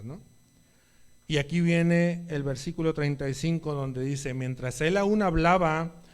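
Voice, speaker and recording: Emotional preacher, man, higher voice. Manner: conversational, asks the congregation "¿no?" often; emotional, rises in volume at emphatic points. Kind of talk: sermon.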